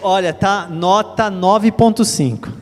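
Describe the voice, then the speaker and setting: Brazilian male pastor, high voice, energetic call-and-response preaching, long church reverb. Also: slow, background noise. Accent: Brazilian Portuguese. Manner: energetic, drills the crowd in chanted repetition. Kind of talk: sermon leading congregation call-and-response. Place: large church hall. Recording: church hall reverb, faint ambience.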